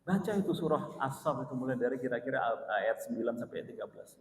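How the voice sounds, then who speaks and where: A man with an East Javanese Indonesian accent preaching in a mosque, telling a personal story in a lively way, swinging from loud exclamations to soft asides. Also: medium pitch, fast talker. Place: mosque hall. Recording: long reverb of a mosque hall.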